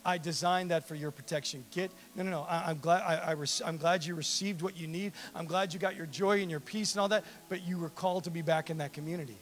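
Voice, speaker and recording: A preacher voicing Jesus as a gentle but insistent man, speaking in a sermon. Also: on the high side, fairly even intonation, fast, hardly any pauses, soft background music, voice pushed down, close to an everyday voice. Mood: firm, caring.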